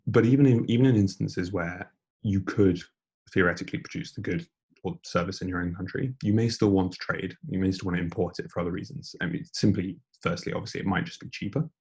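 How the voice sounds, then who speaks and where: A young man giving an informal online lecture, speaking in a hushed near-whisper as quietly as possible, breathy as if losing his voice. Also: low voice, fast. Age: young adult. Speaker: debating lecturer.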